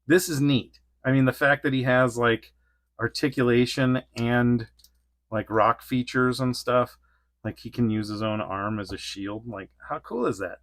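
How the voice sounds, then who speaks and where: In a dry recording, a man in his forties reviews an action figure with a mid-range, slightly bright voice. He's a toy reviewer who wanders from point to point, laughing frequently and leaning on fillers.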